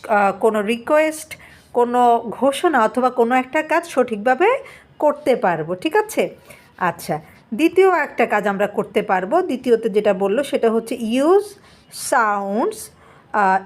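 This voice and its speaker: A woman, teaching an English lesson, explaining step by step with many small fillers and frequent check-ins. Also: fairly high pitch. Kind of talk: classroom lesson explaining a textbook.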